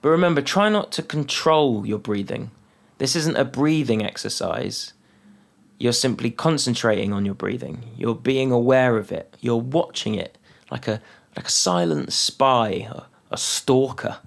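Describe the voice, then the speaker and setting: A man leading a guided mindfulness meditation, speaking calmly and unhurriedly with long pauses between phrases. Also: mid-range voice, gravelly.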